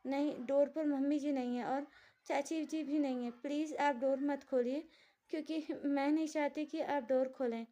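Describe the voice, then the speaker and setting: A woman's voice: a little high, moderate pace, hardly any pauses, mellow, lightly acted. A woman voicing a frightened young wife. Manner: shaky, pleading.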